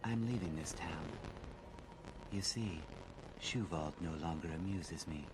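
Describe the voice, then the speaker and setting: Low, soft-voiced serene villain, noisy. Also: male voice, measured pace. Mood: quietly menacing. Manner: calm, detached, eerie. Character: cold, serene, menacing young man, manipulative villain. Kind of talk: dramatic anime dub acting. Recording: loud background noise and ambience.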